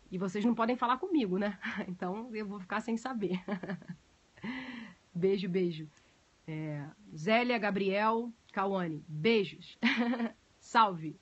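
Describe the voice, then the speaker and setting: A woman's voice: a little high, a bit bright, highs cut off. A woman teaching a class on a live stream, explaining at length and chatting with viewers between points, with many fillers. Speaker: teacher of budget law. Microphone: phone.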